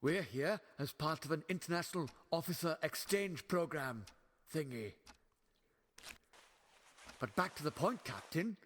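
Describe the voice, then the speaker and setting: An actor playing a wry, authoritative older time-traveling doctor in a fan audio drama, with a theatrical delivery. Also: male voice, a little high, expressive, unhurried, pauses often, a bit bright, in a large hall, a little hiss or hum. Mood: brisk, assertive.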